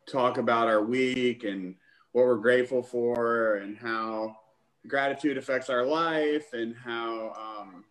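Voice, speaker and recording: A man speaking as a podcast guest in a hesitant, casual way, pausing on fillers. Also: medium pitch, a bit bright, echoey room.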